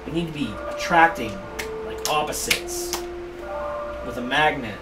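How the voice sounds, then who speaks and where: A man co-hosting a video game playthrough, joking and bantering casually while he plays, often cursing and getting loudly excited. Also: fairly high pitch, a little slow. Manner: goofy, excitable, swears freely. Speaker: let's play co-host. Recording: distant voice over game music. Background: game music.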